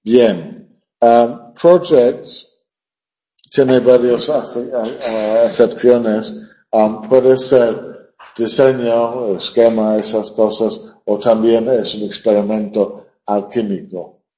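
Slow, dark-voiced male teacher lecturing. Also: mid-range voice, steady tone. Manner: hesitant, full of fillers, explanatory. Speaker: literature teacher. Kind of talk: classroom lecture. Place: classroom. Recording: dull lo-fi classroom recording.

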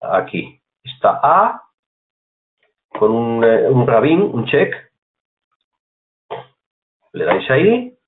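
Male tutor, chatty and repetitive, with a lively up-and-down delivery. Thin phone-quality audio. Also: medium pitch, very slow, long pauses. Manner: chatty, repeats points, asks "¿vale?" often. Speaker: computer course teacher. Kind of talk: screen-recorded software tutorial.

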